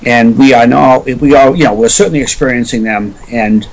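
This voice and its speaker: Male guest, middle register, rambling conversational explainer with halting self-corrections. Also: mid-range voice, poor audio. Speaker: interview guest.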